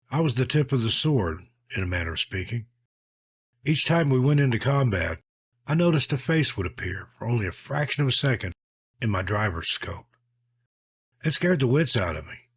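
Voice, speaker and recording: With a husky, mid-range voice, a man narrates scripted scary stories in a measured, dramatic way, letting each phrase fall away at the end.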